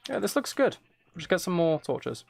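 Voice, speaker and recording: This livestream host plays games and mutters to himself, repeating phrases as he reads and answers viewer messages in casual chat. He speaks high-pitched and sing-song at a moderate pace, with vocal fry, and faint music sits behind him.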